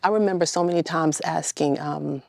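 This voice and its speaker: Gravelly-voiced woman coach, expressive. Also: deep voice, normal speed, dry recording, studio quality. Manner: expressive, preacherly, drops to a whisper for emphasis. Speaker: transformation coach. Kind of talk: conversational interview.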